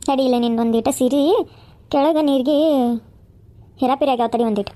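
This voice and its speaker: A woman's voice: high voice, steady tone, a little fast, warm tone, lightly acted. A woman voicing a caring, protective elder sister who coaxes and scolds. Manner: coaxing, then firm and scolding.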